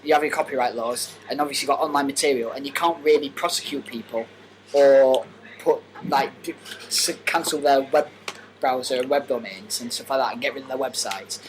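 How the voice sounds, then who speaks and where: A man's voice: medium pitch, brisk. A man co-hosting a casual podcast, rambling and laughing through his points with plenty of fillers. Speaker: podcast co-host. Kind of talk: casual chat. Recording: noisy amateur podcast recording.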